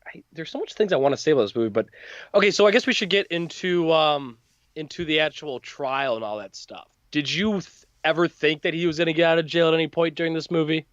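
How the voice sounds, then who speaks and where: A man's voice: on the high side, quick pace, fairly bright tone, dry recording, dull audio. A young man co-hosting a podcast, gushing enthusiastically about a film in casual chat, often giggling. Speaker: podcast co-host. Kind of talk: casual movie review chat.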